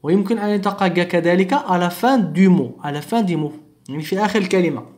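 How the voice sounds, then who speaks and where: A man with a fairly high voice teaches a phonetics lesson. He speaks slowly and deliberately, repeating sounds and example words so learners can follow. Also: darkish tone. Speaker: French teacher.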